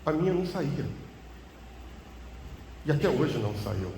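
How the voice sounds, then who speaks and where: A man's voice: very animated, normal speed, dark tone. A man preaching a sermon and telling a personal testimony, emphatic, swinging his voice up and down. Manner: emphatic, swings pitch and volume widely for effect. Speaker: pastor. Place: church hall. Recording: echoey reverberant church hall, faint hum.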